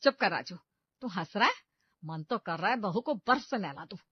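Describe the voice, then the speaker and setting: A woman voicing a short-tempered middle-aged mother-in-law who loudly scolds and insults her daughter-in-law, on a dull lo-fi cartoon track. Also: mid-range voice, normal speed, no room sound, lightly acted. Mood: scornful. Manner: shouting insults, loud and scolding. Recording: dull, dry lo-fi voice-over.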